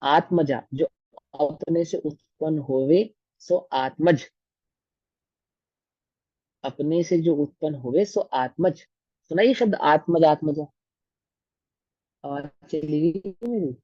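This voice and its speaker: A man teaching scripture on an online call whose audio breaks up and cuts in and out. He explains slowly and repeats key phrases. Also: fairly high pitch, dark tone, dry recording. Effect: choppy call audio cutting in and out. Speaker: religious teacher. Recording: dull, dry lo-fi call audio.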